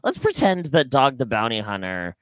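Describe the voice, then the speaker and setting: A young man co-hosting a comedy podcast, his pitch swinging widely as he jokes and restarts his sentences. The sound is dry and close to the mic. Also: no echo. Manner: animated, jokey, halting with restarts. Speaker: podcast co-host. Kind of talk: casual comedic chat.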